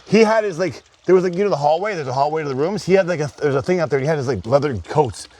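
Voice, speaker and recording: A man talking at a fast clip in a slightly high voice, spinning a rambling, profane story. He stumbles and restarts often and keeps it loose and casual, like a podcast co-host chatting with a friend. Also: lively intonation, a little mellow, recorded from a distance.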